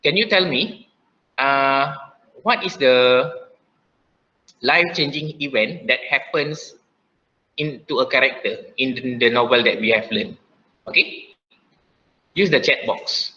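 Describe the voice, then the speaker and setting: A male teacher with a Malaysian English accent leads an online class. His voice is bright and forceful, and he fills his talk with "okay" as he repeats each step. The audio is dull and lo-fi. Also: medium pitch, takes it slowly, long pauses. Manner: frequent "okay" fillers, repeats instructions.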